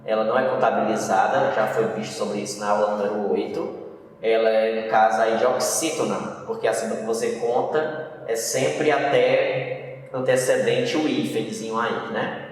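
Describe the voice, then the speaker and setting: A man's voice: fairly low pitch, steady tone, normal speed. Brazilian guy teaching grammar, kinda far off the mic, really echoey long-ringing room with a little hiss. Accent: Brazilian Portuguese. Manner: didactic, checks in with tag questions. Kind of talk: recorded video lesson. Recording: echoey room, voice from a distance, faint noise.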